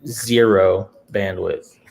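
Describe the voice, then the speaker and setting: A man hosting a casual livestream chat from his new home, relaxed and rambling, with lots of fillers. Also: fairly low pitch, drawn-out words, gravelly. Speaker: livestream host.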